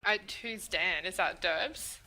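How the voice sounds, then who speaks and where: Gravelly, bright Australian woman chatting. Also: on the low side, slow, low-quality recording. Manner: chatty, teasing, slangy. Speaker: stream co-host. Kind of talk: casual stream chat.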